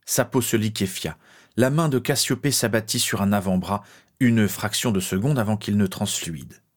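A man narrating a fantasy story as an audiobook, measured and dramatic. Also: lowish voice.

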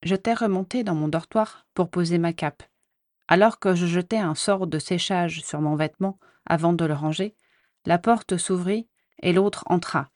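A woman's voice: lowish voice, moderate pace, darkish tone, dry recording, studio quality. A woman steadily reading a first-person story aloud. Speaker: reader.

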